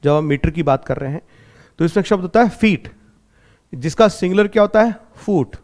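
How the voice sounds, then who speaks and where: An Indian man teaching literature for an exam, asking questions and answering them himself, repeating key points slowly in simple words. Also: high voice, expressive, darkish tone. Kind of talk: exam-prep literature lecture.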